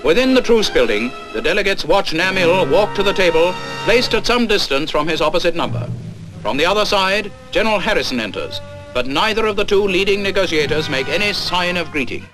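High-voiced man in an old newsreel. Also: expressive, fairly quick, poor audio. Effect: old newsreel narration. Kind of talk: 1950s newsreel commentary. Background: music underneath.

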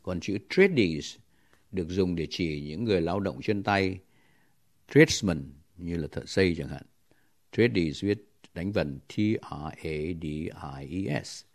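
A man with a very low voice teaches as a guest on a language lesson. He explains terms patiently, stops to think with soft fillers, and spells words letter by letter. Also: lively intonation, unhurried. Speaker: English teacher.

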